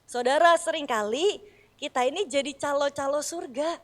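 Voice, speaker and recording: Speaking in a high voice at a normal pace, this middle-aged pastor from Bandung delivers a storytelling sermon in Sundanese-accented Indonesian. The setting is a large church hall, where she acts out dialogue with lively energy and calls her listeners "saudara."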